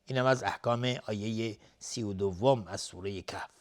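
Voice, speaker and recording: A man teaching Quran recitation, chanting verses slowly and melodically, then explaining the recitation rules in a brisk spoken voice. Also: fairly low pitch. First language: Arabic recitation; speaks Persian. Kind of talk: recitation and tajweed lesson.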